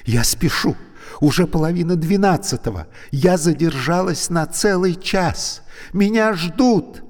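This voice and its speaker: A man voicing a panicky woman trapped in a lift, shrill, loud and frantic. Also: measured pace, in a large hall, lightly acted.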